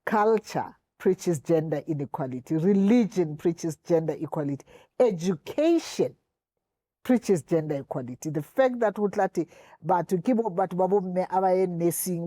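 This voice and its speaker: Female interview guest, Sotho accent from South Africa, explaining in a mellow, fairly low voice, dry recording. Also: no room sound. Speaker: interview guest, equality commission chairperson. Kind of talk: explanatory interview talk, switching between languages.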